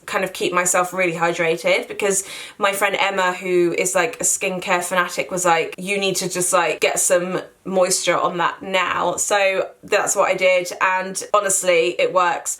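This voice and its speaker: Her voice is lowish and a bit bright: a beauty vlogger in her twenties chatting through a casual skincare review. She repeats words for emphasis and leans on "like" to fill the gaps.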